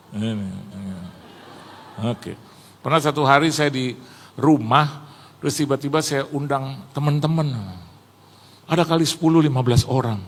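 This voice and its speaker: A man in his sixties preaching a sermon, telling humorous stories and acting out the voices of the people in them. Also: mid-range voice. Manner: storytelling, acting out quoted voices, addresses congregation as Saudara. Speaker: pastor. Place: church service.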